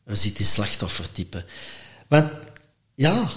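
Speaking slowly in a lowish voice, this Flemish-accented podcast guest from Antwerp, Belgium shares personal stories in lively conversation. He also imitates the voices of the people he quotes.

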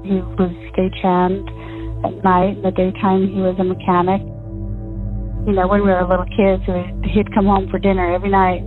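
A woman's voice: medium pitch, completely flat delivery, normal speed, soft background music. A middle-aged or older woman recalling personal events conversationally, as an interviewee. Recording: muffled lo-fi interview audio.

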